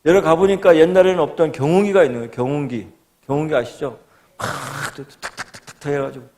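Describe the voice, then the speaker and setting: A middle-aged male guest pastor preaching in a church, telling a personal story with animated delivery and acting out quoted prayers and voices. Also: on the high side, fast talker, a little hiss or hum. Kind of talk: storytelling sermon. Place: church sanctuary.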